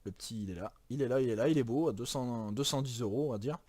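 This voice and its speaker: A man's voice: mid-range voice, fast, a little mellow, dry recording. A man from France casually walking through a PC build, rambling with many fillers and self-corrections. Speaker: YouTuber presenting a PC build. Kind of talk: casual chat.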